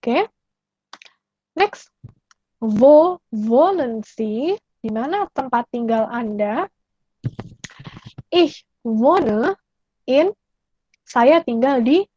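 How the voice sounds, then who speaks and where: A young woman from Indonesia teaching German, explaining patiently and repeating phrases slowly. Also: high-pitched, lively intonation, a little mellow, dull audio. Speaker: German language tutor. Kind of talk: online language lesson.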